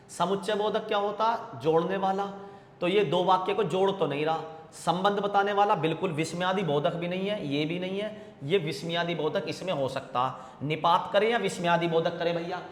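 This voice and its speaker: A man teaching Hindi grammar for exam prep, repeating answers slowly and calling students bhaiya and beta. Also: high voice, fairly bright tone. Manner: drawn-out repetition of answers; calls students 'bhaiya' and 'beta'. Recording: echoey room with long reverb.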